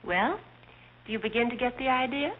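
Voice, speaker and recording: An actress as a quick deadpan screwball-comedy maid. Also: female voice, on the high side, natural voice. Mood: wry. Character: matter-of-fact, wry household maid. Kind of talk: 1930s film comedy acting. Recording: dull, noisy old film soundtrack.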